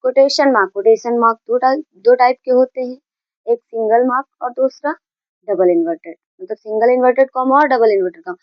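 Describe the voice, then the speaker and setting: A woman's voice: on the high side, brisk, no echo, highs cut off. A woman teaching a grammar lesson, explaining patiently, repeating key points and mixing in English terms.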